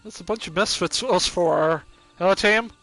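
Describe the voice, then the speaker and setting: A man's voice: high-pitched, normal speed, a bit bright, no room sound. A man with an Irish accent hosting a game playthrough in casual, off-the-cuff commentary. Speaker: gaming video host. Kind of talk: casual let's play commentary.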